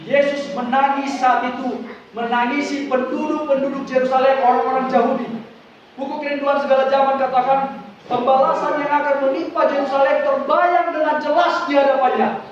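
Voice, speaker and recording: High-voiced preacher in a booming echo. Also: male voice, flat delivery, moderate pace, a little hiss or hum. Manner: dramatic, swings from hushed to loud. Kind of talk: sermon storytelling. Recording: very echoey, distant mic, dull sound.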